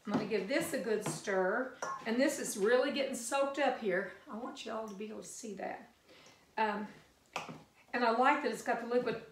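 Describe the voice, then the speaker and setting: A woman's voice: mid-range voice, roomy sound, far from the mic, a little hiss or hum. An older woman from the Missouri Ozarks, chatting her way through a home cooking demonstration with folksy, rambling asides. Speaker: cooking video host.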